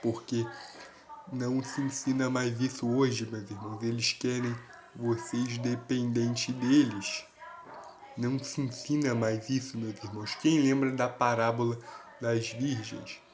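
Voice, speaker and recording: A man's voice: mid-range voice, little pitch movement, a little slow, poor audio. A man preaching an earnest sermon to video viewers, constantly addressing his listeners as brothers. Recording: background noise.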